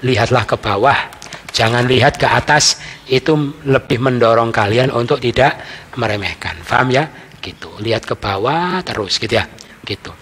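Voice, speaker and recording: A man giving a Quran commentary class in a mosque, talking in a relaxed, conversational way and often asking and answering his own questions. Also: medium pitch, normal speed. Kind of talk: mosque study sermon. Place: mosque hall. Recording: hall reverb, faint background noise.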